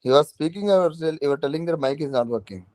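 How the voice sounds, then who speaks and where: A man's voice: fairly high pitch, fast, a little mellow, no room sound. A man with a South Indian accent teaching an informal online class, often repeating phrases and checking that students follow. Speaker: teacher of a current affairs exam class.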